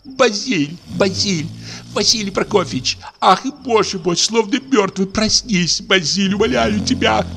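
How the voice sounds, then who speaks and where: A man voicing a frightened, hysterical lady of a summer house, shrill, pleading and indignant. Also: measured pace, vocal fry, a bit bright, a little hiss or hum, exaggerated voice. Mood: shrill alarm.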